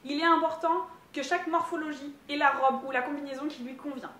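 A woman's voice: sits high, steady tone, fairly quick, sharp tone, reverberant, slight background noise. A woman, a wedding planner giving upbeat advice straight to the viewer in a tutorial. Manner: upbeat, direct to camera.

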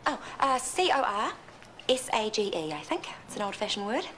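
An actress playing a dry, guarded hospital worker in a TV soap. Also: female voice, medium pitch, big pitch swings, moderate pace, a bit bright, a little hiss or hum. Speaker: hospital staff member. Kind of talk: TV soap acting.

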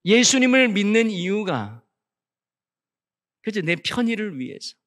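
A middle-aged male pastor preaching a revival sermon in a church. He moves between soft storytelling and loud, emphatic preaching. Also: high voice, sing-song, a little slow. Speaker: guest pastor. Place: church sanctuary. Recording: long church-hall reverb.

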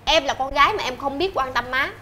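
An actress playing a sweet, eager young daughter with a chirpy delivery. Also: female voice, high voice, fast talker, sharp tone, slight background noise. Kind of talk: sitcom acting.

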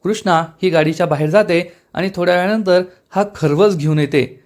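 A man's voice: high-pitched, a little fast, a little mellow. A man enthusiastically narrating a recap of a TV serial episode for his viewers. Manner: enthusiastic, retelling.

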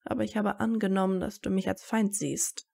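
A woman's voice: medium pitch, steady tone, brisk, gravelly, darkish tone, slightly rough. A woman voicing a guarded teenage wizard boy who answers in clipped, wary retorts in a fan audiobook. Her own reading voice carries him. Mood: wary, bitter.

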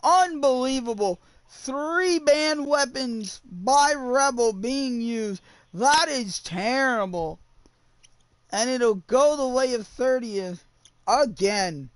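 A commentator casting a live online shooter match, excitable and quick to exclaim at big plays. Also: sits high, no room sound. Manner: excitable, breaks into exclamations and laughter. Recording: background noise with mouse clicks.

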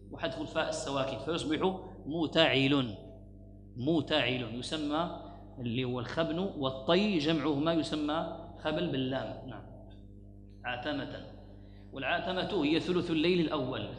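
Arabic grammar teacher in an echoey hall. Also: male voice, a little high. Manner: repeats key words, pauses often, quotes verses in a slow recitation. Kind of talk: classroom lecture explaining a grammar poem. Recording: echoey hall with faint hum.

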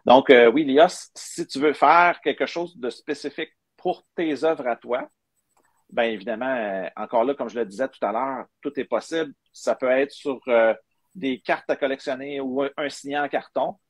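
Over a webcam in an indoor room, a middle-aged man with a Quebec French accent is interviewed live as a guest, casually explaining his digital book bookmarks. He has a medium pitch and moderate pace, with no echo.

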